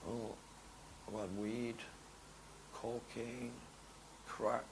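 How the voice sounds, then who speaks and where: A young man with a gravelly, fry-edged voice talks openly as an interview guest. His speech is slangy and rambling, rising to loud excitement and dropping to low mumbles. Faint noise sits underneath. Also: drawn-out words. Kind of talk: candid interview talk.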